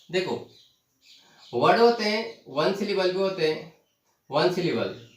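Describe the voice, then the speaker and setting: A man teaching a lesson, explaining terms slowly, repeating them and asking the class questions. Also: sits high. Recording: echoey room, voice from far off the mic.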